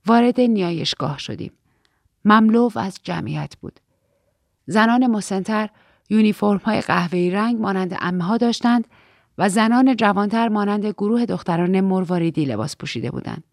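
A woman reads a novel aloud in the first person, calm and even. Her voice sits in a middle pitch. The close mic makes the sound dry, with no room echo. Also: gravelly. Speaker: audiobook narrator.

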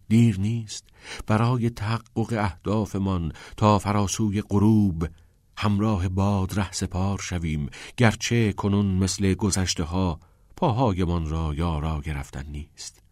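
Man narrating earnest teenage boy, serious thoughtful recital, low voice, dry close sound. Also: steady tone, darkish tone, no room sound, natural voice. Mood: solemn. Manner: serious, measured, thoughtful reading. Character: earnest teenage schoolboy reciting a poem, Neil.

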